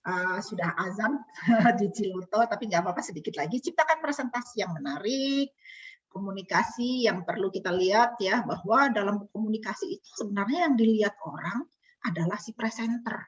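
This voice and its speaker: A woman with an Indonesian accent coaching a group online, asking them questions in a lively teacherly way. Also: medium pitch, a little fast, breathy edge. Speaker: communication coach. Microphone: video call. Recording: dull lo-fi video call audio.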